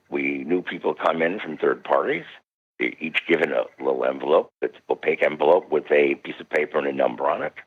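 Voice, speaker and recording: Here a radio interview captures, in dull lo-fi sound, a parapsychologist guest spinning a lively tale. The older man's voice is very deep and husky; he performs each quoted voice and his pitch leaps upward whenever he gets excited.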